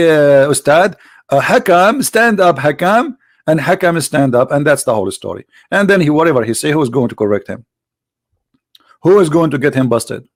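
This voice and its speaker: A man with a cold delivering a polemical monologue, mocking and full of rhetorical questions. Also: medium pitch. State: has a cold. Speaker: online religious critic.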